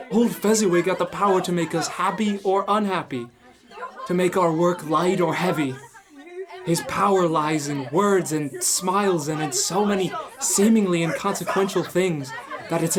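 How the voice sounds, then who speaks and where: A man's voice: high-pitched, normal speed, natural voice. Ebenezer Scrooge, an aging miser voiced by a young man in a stage radio play, his voice swinging between a wistful laugh and a pained catch. The crowd murmurs in the hall around him. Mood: fond. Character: old miserly man, remorseful and shaken. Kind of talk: student radio drama acting.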